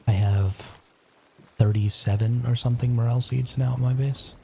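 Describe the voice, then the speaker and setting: Guy whispering low and mellow on a game stream, chill chat, bit of background noise. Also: steady tone, normal speed, creaky. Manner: whispering quietly. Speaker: live streamer. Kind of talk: casual gameplay stream chat.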